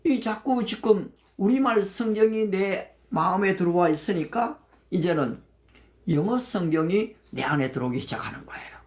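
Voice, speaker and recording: A man's voice: high voice, darkish tone. A man as a pastor preaching conversationally on a livestream, asking his listeners questions and mixing in English scripture. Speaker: pastor leading a livestream prayer meeting. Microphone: phone livestream mic.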